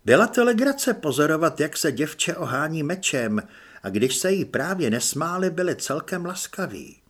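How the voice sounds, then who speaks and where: A man narrating an audiobook in a measured storytelling manner. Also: a little high, big pitch swings, husky. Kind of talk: scripted narration.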